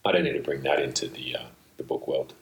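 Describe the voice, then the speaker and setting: Low male voice, playful solo podcast monologue, slangy and meandering, roomy laptop-microphone recording. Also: quick pace, vocal fry. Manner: loose, slangy, musing aloud. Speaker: podcast host. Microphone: built-in laptop microphone, mistakenly used instead of studio microphone.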